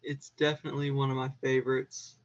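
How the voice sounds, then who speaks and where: A man speaking as a podcast guest in a casual film chat, relaxed and measured, pausing between phrases. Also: mid-range voice. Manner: relaxed, measured, with pauses and fillers. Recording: dull lo-fi sound.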